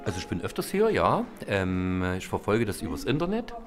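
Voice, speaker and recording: Man, very low pitch, casual interviewee, customer, background music. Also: huge pitch swings, brisk. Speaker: auction visitor and bidder.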